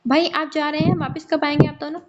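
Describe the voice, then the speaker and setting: A woman's voice: high voice, flat delivery, fast talker, lo-fi sound, background noise, lightly acted. A woman voicing a teasing young factory worker. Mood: friendly. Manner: friendly, teasing. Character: cheerful young man, factory worker, joking.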